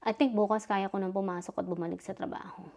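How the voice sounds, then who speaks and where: A woman's voice: medium pitch, steady tone, quick pace, gravelly, a little mellow. Middle-aged lady vlogging, chatty, lots of fillers, still kinda dizzy. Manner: chatty, retelling dialogue, frequent fillers. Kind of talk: casual storytelling vlog.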